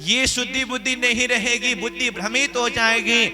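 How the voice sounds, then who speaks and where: A man's voice: very high-pitched, fairly even intonation, normal speed, bright, forceful tone. A man giving a devotional scripture discourse, explaining verses and chanting quoted lines. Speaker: spiritual discourse speaker.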